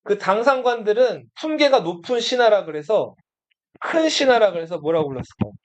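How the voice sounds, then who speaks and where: Male history teacher, high and animated. Lectures casually and bluntly, and quizzes the class before answering himself. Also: fairly quick. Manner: asks the class questions and answers them himself.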